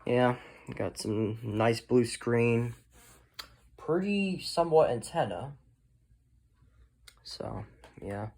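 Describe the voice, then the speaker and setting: Speaking extremely slowly with frequent pauses, a male hobbyist collector chats casually while showing off items in a video, rambling and trailing off at the ends of his thoughts. His mid-range voice is a little mellow with some vocal fry.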